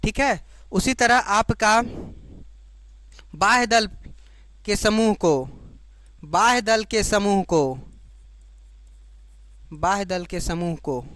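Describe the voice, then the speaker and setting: A woman teaching biology to exam students, repeating each key term slowly and checking that the class follows. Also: medium pitch, fairly bright tone, no room sound. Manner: explains in Hindi, giving the English term for each.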